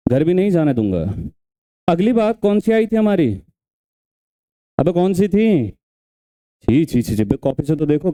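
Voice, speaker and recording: A man's voice: on the high side, warm tone, clear, resonant tone. A man teaching an exam revision class, who keeps quizzing and scolding his students and repeats each step. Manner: questioning, scolding, repeats steps.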